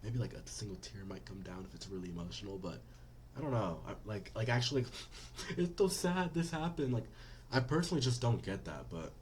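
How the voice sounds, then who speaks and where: A man's voice: fairly low pitch, animated, a little fast, a little hiss or hum. A young man giving casual reaction commentary, blunt and mocking, swearing freely.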